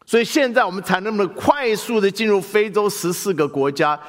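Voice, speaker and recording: Man, pastor, high voice, lively sermon delivery, long hall reverb. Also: fairly quick. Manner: animated preaching with rhetorical questions to the congregation.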